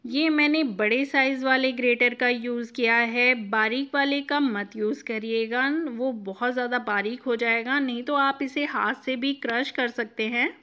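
Female cooking host, fairly high and crisp, instructive recipe voice-over. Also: fairly even intonation, normal speed, few pauses, muffled recording. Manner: clear step-by-step instructive.

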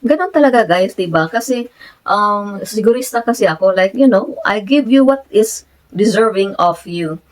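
A Filipino-accented woman vlogging casually, mixing Tagalog and English as she recounts talks with a contractor. Her voice sits at an ordinary middle pitch, and she grows animated and emphatic as she argues her side. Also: unhurried, rough recording. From Philippines. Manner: mixes Tagalog and English, retelling conversations. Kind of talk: casual storytelling vlog.

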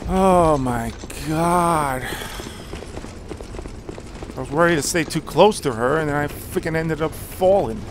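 A man giving profane, reactive commentary while playing a video game, swinging from low mutters to loud disbelief. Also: slow, pauses often, noisy background. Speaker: let's play commentator.

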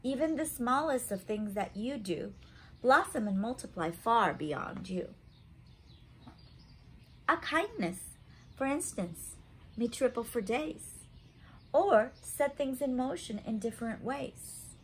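A woman in her thirties hosts story time for young children in a small room at home, speaking expressively and simply as if directly to a child, asking questions along the way. Her voice is fairly high and slow, with long pauses and slight background noise.

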